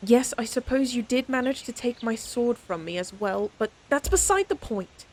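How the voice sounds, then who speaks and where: Speaking to the listener in an audio roleplay, a woman voices a haughty, defensive lady knight, proud and stern, who scolds her companion in an exasperated yet secretly fond way. Her voice is a little high and darkish, with lively intonation at a moderate pace.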